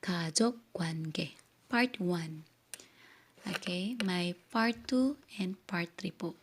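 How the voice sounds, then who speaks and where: A woman's voice: lowish voice, takes it slowly. A woman whose first language is Korean teaches Korean words in a casual lesson. She mixes Tagalog and English, spells words out syllable by syllable and checks in with "okay?" again and again.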